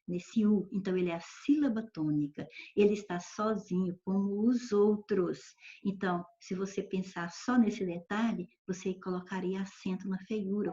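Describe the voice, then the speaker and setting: Woman teacher, mellow and patient, explains step by step; dull lo-fi online lesson audio. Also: on the low side. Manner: patient, explanatory, often checks with "ok?". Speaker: Portuguese grammar teacher.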